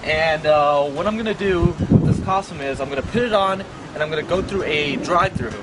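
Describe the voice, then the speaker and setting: A man's voice: on the high side, brisk, very noisy. A man hosting a prank video, explaining his setup casually to the camera. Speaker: prank show host.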